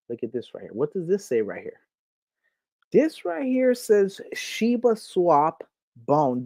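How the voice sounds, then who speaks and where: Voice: medium pitch, darkish tone, no room sound. Crypto host going thru the screen all hyped, keeps saying okay?, calls viewers my people, dry close sound. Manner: hyped, keeps repeating "okay?" and "right here". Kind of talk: screen walkthrough commentary.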